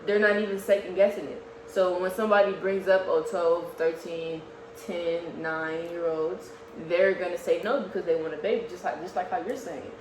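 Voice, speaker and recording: A woman in her early twenties co-hosts a casual vlog, arguing her side on camera with earnest conviction and frequent stumbling restarts. Her lowish, darkish voice holds steady at a moderate pace, recorded in an echoey room with faint hiss.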